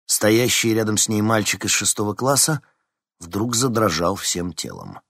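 A man narrates a novel in a low voice that rises and falls with feeling. The sound is close and dry, with no room around it. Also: moderate pace, gravelly, husky, no room sound. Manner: expressive, voices each character. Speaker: audiobook narrator. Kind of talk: scripted narration.

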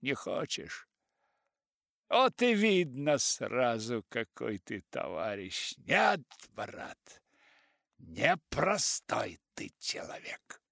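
A man voicing a self-righteous older male writer who lectures and shouts, loud and insistent, dragging his words out. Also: mid-range voice, sing-song, creaky, no room sound, clean studio sound, exaggerated voice. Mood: indignant shouting. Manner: loud, preachy, slow and insistent.

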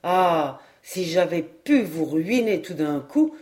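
A woman reading an audiobook, voicing an earnest, deeply moved young doctor in a lowered, soft-spoken voice. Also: animated, slow pace.

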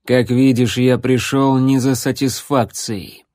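Unhurried, sneering necromancer, as a male reader puts him on; drawn-out sarcasm, dry close sound. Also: mid-range voice, steady tone, a little mellow, no room sound, natural voice. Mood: mocking. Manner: slow, measured, mocking. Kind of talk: audiobook character voice.

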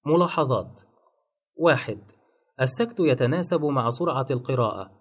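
A man calmly narrating a lesson on Quran recitation rules, listing points one by one. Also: medium pitch, breathy edge. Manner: measured, enumerating rules point by point. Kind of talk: scripted instructional narration.

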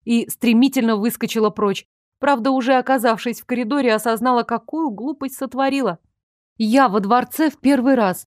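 A woman reading a first-person audiobook in a lively, ironic, expressive way. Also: fairly high pitch, brisk, dry recording, studio quality. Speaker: audiobook narrator.

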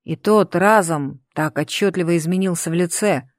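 A woman narrating an audiobook in a steady, even storytelling voice. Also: lowish voice, moderate pace, dry recording, clean studio sound. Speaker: audiobook reader.

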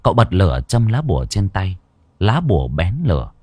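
A man's voice: low-pitched, very animated, normal speed, a little mellow, breathy edge. A man narrating a ghost story dramatically, acting out the characters' lines.

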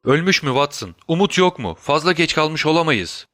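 A man's voice: mid-range voice, lively intonation, fairly quick, sharp tone, no echo, clean studio sound. A man voicing Sherlock Holmes, a brilliant, restless detective who speaks urgently and gives commands, in an audiobook. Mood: anxious. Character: brilliant, restless male detective in his prime. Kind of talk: audiobook character voice.

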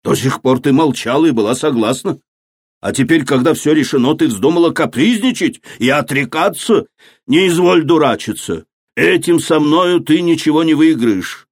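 Narrator doing a harsh older landowner, stern and threatening, storybook reading. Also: male voice, mid-range voice, big pitch swings, slow, breathy edge, no echo, studio quality, pitched above the performer's own voice, exaggerated voice. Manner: stern, menacing. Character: domineering older male landowner, stern and quick to rage.

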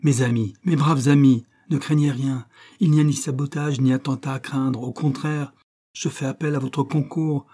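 A steady male detective in an audiobook, firm and authoritative yet soothing, as a man puts him on, his voice lifted above the narration and mellow in tone. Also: medium pitch, normal speed, close to an everyday voice. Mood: reassuring. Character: commanding, reassuring male detective, middle-aged.

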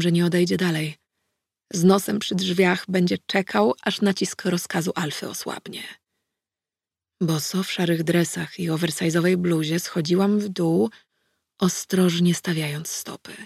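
A woman's voice: on the low side, creaky, darkish tone, slightly rough, no room sound, studio quality. A woman narrating a first-person audiobook in a tense, clipped way, with hard-edged dialogue.

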